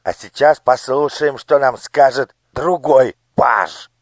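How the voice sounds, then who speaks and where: A man voicing a cruel male minister with a squeaky, shrill voice in an audiobook. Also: slow, dry recording. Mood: furious. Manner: menacing, shouting threats. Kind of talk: audiobook character voice.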